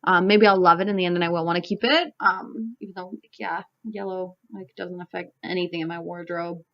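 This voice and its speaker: A young Canadian woman with a lowish, steady voice chats a little quickly as a knitting vlogger. She rambles casually, scattering "like" and "um" everywhere, in a slightly dull recording made at home.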